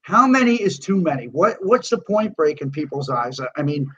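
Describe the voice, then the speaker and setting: Animated high-voiced man ranting. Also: normal speed, breathy edge. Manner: animated, swearing rants. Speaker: podcast co-host. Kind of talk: casual chat. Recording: dull lo-fi sound.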